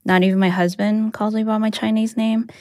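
In a dry, clean studio recording, a woman with a medium-pitched, slightly mellow voice speaks briskly in a level tone. Born into Mandarin but American, she shares a personal anecdote informally, with plenty of "like" and "you know."

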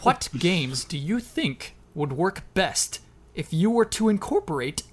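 High-voiced man, upstate New York accent. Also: very animated, unhurried, husky. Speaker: podcast host. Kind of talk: casual chat.

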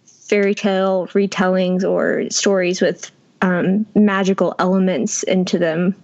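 Woman host, reflective, hesitant, mid-pitched. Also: flat delivery, measured pace, a little mellow. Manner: thoughtful, hesitant. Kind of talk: casual interview chat. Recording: dull, muffled audio.

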